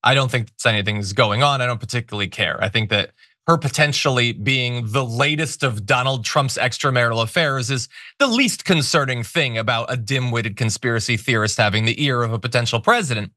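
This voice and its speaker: A man's voice: mid-range voice, a little fast, pushed and bright, no echo, clean studio sound. A man hosting a political talk show, delivering opinionated commentary in an indignant, sarcastic and emphatic way.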